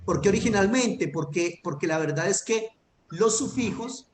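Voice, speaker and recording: Male teacher, fairly high voice, patient and methodical, keeps checking in with the student; echoey room, faint noise. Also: lively intonation, normal speed. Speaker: Hebrew teacher. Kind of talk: online grammar lesson.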